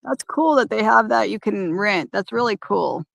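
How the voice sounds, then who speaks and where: Halting, gravelly woman on a livestream. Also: medium pitch, animated, no echo. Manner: halting, rambling, many restarts. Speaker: van-life vlogger. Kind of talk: casual livestream chat. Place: parked by a lake. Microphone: phone.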